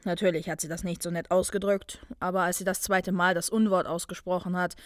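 A woman doing a young wizard lad, low and subdued, soft murmur, dry sound. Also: little pitch movement, fairly quick, no room sound, natural voice. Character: young man, brooding wizard student, guilty and shy.

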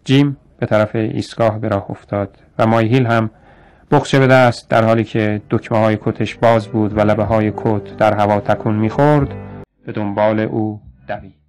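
A man narrating a radio story in a measured way, slowing down on descriptive phrases. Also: fairly low pitch, fairly even intonation, darkish tone, faint music behind.

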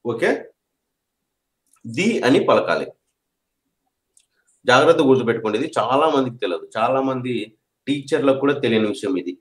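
A man's voice: mid-range voice, animated, normal speed, long pauses. A man teaching an English grammar lesson, repeating each point and checking that his students understand. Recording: echoey room.

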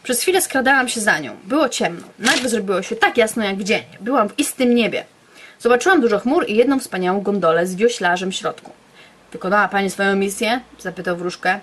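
A woman's voice: mid-range voice, expressive, brisk, fairly bright tone, a little hiss or hum. A young woman reading aloud bedtime stories she wrote as a child, in a playful storytelling manner with offhand asides. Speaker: YouTuber.

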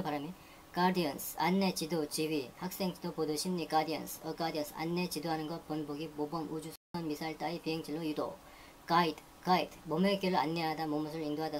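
Low-voiced woman reading word lists. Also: slight background noise. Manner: brisk, repeats each word and lists meanings. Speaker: English vocabulary teacher. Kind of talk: reading dictionary entries aloud.

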